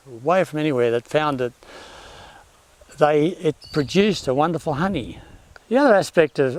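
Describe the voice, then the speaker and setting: Older male, Australian. Bush storyteller, laconic outback drawl, mid-pitched, halting and unscripted. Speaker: former outback station worker telling bush yarns.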